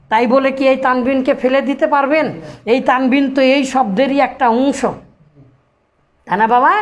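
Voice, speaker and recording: A woman with a high voice teaches Arabic grammar. She poses questions to her pupils and answers them herself, calling them by fond terms. She often recites the rules in a sing-song chant. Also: lo-fi sound. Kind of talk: classroom-style lesson.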